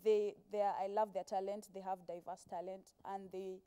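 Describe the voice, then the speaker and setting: A Kenyan-accented actress in her twenties sits on a TV studio sofa as an interview guest, chatting casually and telling stories that include quoted speech. Her mid-range voice is warm and smooth, with a flat delivery at normal speed. She wears a clip-on lapel mic.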